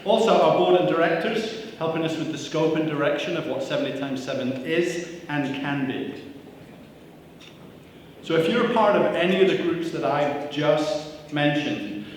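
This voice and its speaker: Speaking into a handheld microphone in a church hall full of people, a CEO gives an upbeat breakfast welcome speech full of self-deprecating jokes and frequent "uh" fillers. His voice is on the high side, with lively intonation and normal speed. The mic sits at a distance in an echoey room, with slight background noise.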